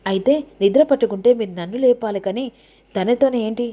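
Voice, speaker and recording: A woman's voice: mid-range voice, fast talker, dark tone, lightly acted. A woman voicing a jealous young woman who accuses and questions sharply. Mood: angry.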